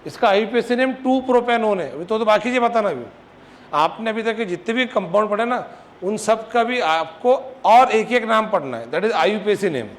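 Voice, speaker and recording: Male coaching teacher, high voice, drills and teases a class, noisy room. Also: animated, moderate pace. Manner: drills students, chants formulas, teasing scolds. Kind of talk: classroom lecture.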